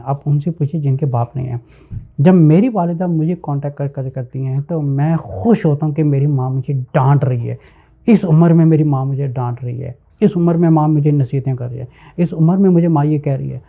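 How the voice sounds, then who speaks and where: Earnest male preacher, phone-like sound. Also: on the high side. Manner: earnest, emphatic, mixes English words into speech. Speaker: Islamic preacher. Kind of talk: sermon.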